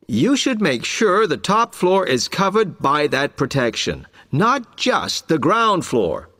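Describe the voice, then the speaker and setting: An informative male salesman voiced by an actor gives a scripted, polite presentation. His voice is on the high side for a man and moves with very lively intonation. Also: heavily acted. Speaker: alarm salesman.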